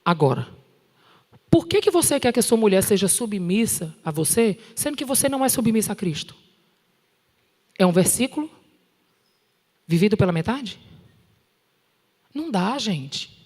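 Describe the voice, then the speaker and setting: A woman with a Brazilian Portuguese accent preaching at a conference in an animated, direct, scolding way, with touches of humor. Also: mid-range voice, normal speed, long pauses, slightly rough. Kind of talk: sermon. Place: large church hall. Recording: long hall reverb.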